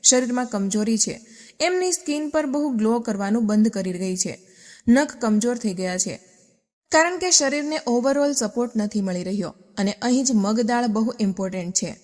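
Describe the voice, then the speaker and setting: Lady explaining health tips like a scripted lesson, asks questions then answers them, kinda high voice. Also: lively intonation, normal speed, darkish tone, in a large hall. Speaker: health channel presenter.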